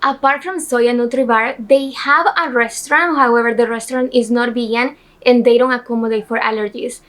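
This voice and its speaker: A chatty young woman, raised in El Salvador, runs her own travel vlog, speaking in a slightly high, bright-toned voice. She talks straight into the camera from an indoor couch, upbeat and direct. The tone stays friendly and conversational throughout. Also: fairly even intonation, a little fast. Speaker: vlog host. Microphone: camera in front of her; handheld phone at arm's length while walking.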